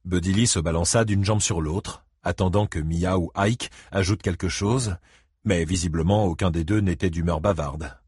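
A man narrating an audiobook with steady, scripted storytelling. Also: low voice, moderate pace, breathy edge, no echo, studio quality.

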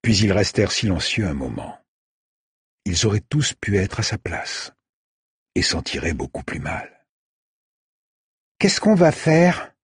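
A man's voice: low voice, measured pace, pauses often, breathy edge, no room sound, studio quality. A man narrating a novel, voicing each character in turn. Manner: expressive, acts out each character. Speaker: audiobook narrator. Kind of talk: scripted narration.

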